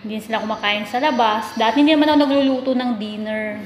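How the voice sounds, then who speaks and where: Speaking fast in a voice on the high side, this overseas domestic worker in her thirties complains about her work while chatting casually into her phone camera. She switches between Tagalog and English as she talks in her kitchen, the phone at arm's length. Background music and room echo fill the recording.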